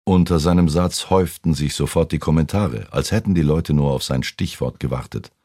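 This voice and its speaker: A man reading a novel aloud in a steady, unhurried way. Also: extremely low pitch, no room sound, clean studio sound. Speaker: audiobook reader.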